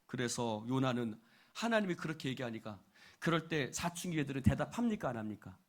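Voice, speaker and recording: A male pastor giving a sermon at a church service, dramatically acting out voices and firing questions at the congregation, swinging between loud exclamations and quiet asides. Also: mid-range voice, sing-song, a little fast.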